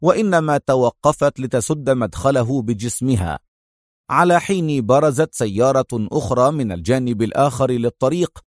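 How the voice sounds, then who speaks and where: Expressive male audiobook narrator. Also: mid-range voice, no echo. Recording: dry close-miked voice.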